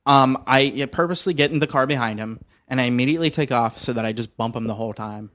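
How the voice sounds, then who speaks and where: A man's voice: mid-range voice, quick pace, a bit bright, dry recording. A man hosting a podcast in casual chat, teasing his guests and cracking sarcastic jokes. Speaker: podcast host.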